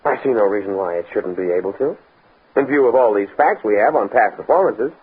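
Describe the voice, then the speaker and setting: An actor playing an earnest, stuffy young academic in an American radio drama, speaking precisely and pedantically with an American accent. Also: male voice, fairly low pitch, lively intonation, brisk, breathy edge, narrow, tinny audio. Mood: fascinated. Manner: precise, bookish, stammers when flustered. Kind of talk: mid-century American radio drama acting. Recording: scratchy, band-limited old radio recording with noise.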